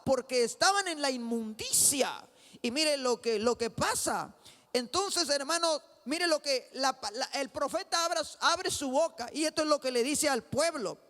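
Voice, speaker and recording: A man's voice: extremely high pitch, sharp tone. A pastor preaching a sermon, fervently calling on his congregation and addressing them again and again as brother. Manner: fervent preaching, repeats "hermano", calls congregation to answer. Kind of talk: Spanish-language sermon. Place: church sanctuary. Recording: long church reverb.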